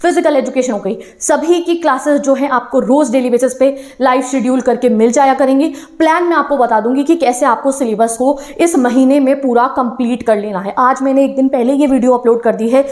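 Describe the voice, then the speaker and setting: Brisk, high-voiced young woman teacher. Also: a little mellow. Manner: brisk, encouraging, mixing Hindi with English phrases. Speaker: online teacher. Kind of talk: motivational talk to exam students.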